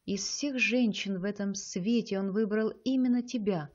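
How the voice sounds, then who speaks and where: A woman's voice: medium pitch, moderate pace, lo-fi sound, lightly acted. A woman voicing an elderly neighbor woman who speaks in a sly, ingratiating way. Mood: insinuating. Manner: ingratiating, insinuating.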